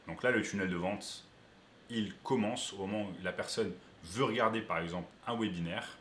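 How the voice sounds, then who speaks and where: A man's voice: lowish voice, normal speed, a bit bright, reverberant, a little hiss or hum. A man who coaches online business, explaining step by step to viewers during a screen-share tutorial.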